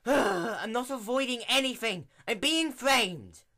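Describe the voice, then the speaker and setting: A man's voice: on the high side, huge pitch swings, moderate pace, pushed and bright, pitched above the performer's own voice, exaggerated voice. A man voicing a dramatic, scheming young female pony princess in a hammy, theatrical storybook reading. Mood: indignant outburst. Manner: hammy, theatrical stage delivery. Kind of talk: dramatic reading of fan fiction.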